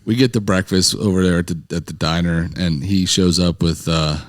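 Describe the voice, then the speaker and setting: A man telling stories in casual podcast chat, animated and profane, laughing often. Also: low-pitched, normal speed, dry recording, clean studio sound. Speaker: podcast co-host.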